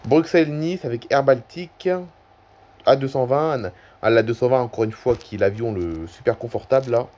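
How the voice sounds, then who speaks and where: A man's voice: mid-range voice, normal speed, a little mellow. Rambling man narrating his screen. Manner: rambling, hesitant, self-correcting. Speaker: YouTuber. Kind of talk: casual screen-recording commentary.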